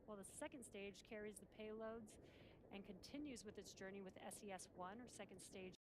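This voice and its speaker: A woman's voice: mid-range voice, fairly quick, noisy background. A woman hosting a live launch broadcast, explaining events in an announcer-like way. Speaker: launch webcast host.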